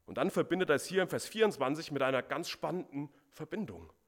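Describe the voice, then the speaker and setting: A man's voice: on the high side, animated, fast. A man preaching a sermon as pastor, stressing and repeating key words for emphasis.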